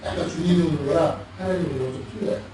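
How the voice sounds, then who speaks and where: Animated high-voiced pastor in echoey hall. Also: male voice, rapid-fire. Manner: animated, asks the congregation questions, laughs while mimicking. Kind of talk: sermon. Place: church sanctuary. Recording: echoey church hall, mic far off.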